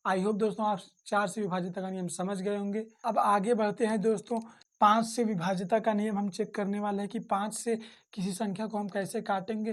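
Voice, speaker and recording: A woman teaching a maths lesson one step at a time. Her voice sits at an ordinary middle pitch, and her delivery is patient and repetitive. She keeps addressing her viewers as friends. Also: darkish tone. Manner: repetitive, calls listeners "friends" often.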